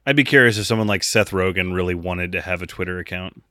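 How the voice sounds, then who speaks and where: An American man co-hosts a podcast in a deep, fast, bright, forceful voice, chatting casually and jokingly with frequent laughs as he rambles. The recording is studio quality with no room sound.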